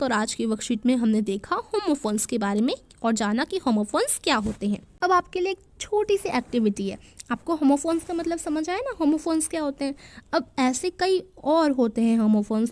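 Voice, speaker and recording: A woman's voice: sits high, a little mellow, dry recording. A woman teacher explaining a worksheet to young children, patiently spelling words out letter by letter and mixing English sentences into her Hindi.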